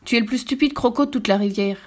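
A smaller, scolding crocodile with a raised, reproachful voice, as a woman reading a storybook puts him on. He sounds scornful and fussy, talking above the reader's own pitch. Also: fast, close to an everyday voice.

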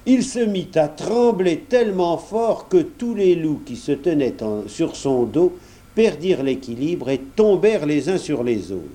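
A man's voice: on the high side, expressive, a little slow, warm tone. A man reading a children's story aloud, addressing the young listener directly and explaining as he goes.

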